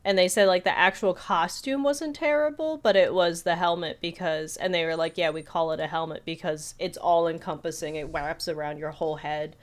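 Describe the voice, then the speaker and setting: Chatting about movies as a podcast co-host, a woman rambles and says "like" a lot. Her voice is on the low side, with fairly even intonation, normal speed and hardly any pauses.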